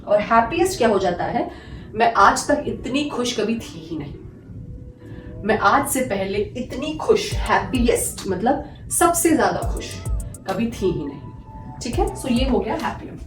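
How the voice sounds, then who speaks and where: A woman's voice: on the high side, expressive, a little slow. A woman teaching a grammar lesson, patiently asking and answering her own questions and repeating examples. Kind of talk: classroom-style grammar lesson. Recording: echoey room, mic at a distance, faint music.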